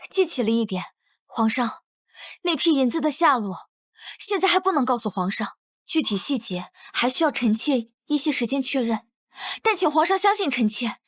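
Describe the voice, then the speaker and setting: An actress playing a young imperial consort in a costume drama, with coy, deferential courtly speech. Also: female voice, high voice, very animated, normal speed, dry recording, studio quality. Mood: composed, deferential. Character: young imperial consort, coaxing, sweet and secretly scheming.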